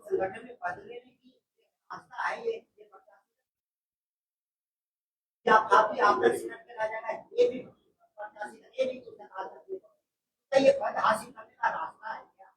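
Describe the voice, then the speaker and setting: A reporter asking a halting question at a press conference, restarting several times. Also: medium pitch, huge pitch swings, vocal fry, bright, forceful tone. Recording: distant off-mic in echoey hall.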